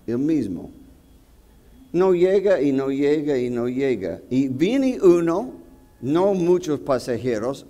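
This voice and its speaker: In a medium-pitched voice, a male pastor delivers a sermon built around a personal story. He acts out the quotes and breaks into sudden loud bursts.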